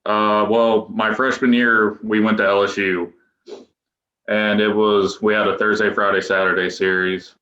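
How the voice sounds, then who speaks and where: A man in his twenties, a professional pitcher, chatting loosely as a podcast guest with restarts and chuckles. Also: flat delivery, a little slow, pushed and bright. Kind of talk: casual podcast interview. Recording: echoey room, dull lo-fi sound.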